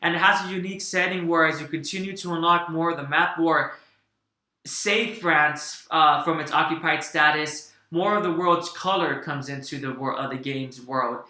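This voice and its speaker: A man's voice: a little high, fairly even intonation, normal speed, pushed and bright, reverberant. A man giving a casual, enthusiastic video game review, rambling with fillers and restarts.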